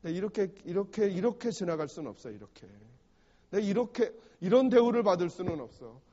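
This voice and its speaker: A preacher playing an aggrieved day laborer. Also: male voice, high-pitched, very animated, a little fast, dark tone. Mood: resentful. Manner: agitated muttering, repeated stammering phrases. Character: resentful day laborer, man, brooding and aggrieved. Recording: dull recording in a reverberant church hall.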